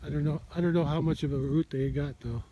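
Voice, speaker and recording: A man's voice: a little high, fairly even intonation, fast talker, mellow. A man thinking aloud in a casual vlog as he does farm chores outdoors, rambling in a folksy way and repeating himself. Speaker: farmer narrating his own chores. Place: outdoors on a farm, partly around a vehicle. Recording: noisy outdoor recording, vehicle noise.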